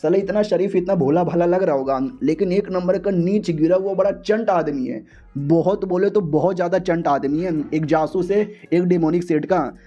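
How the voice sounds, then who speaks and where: A man narrating a manga recap in a slangy, joking style with quick asides. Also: high voice, dark tone, soft background music. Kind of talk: comedic story recap. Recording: dull lo-fi sound.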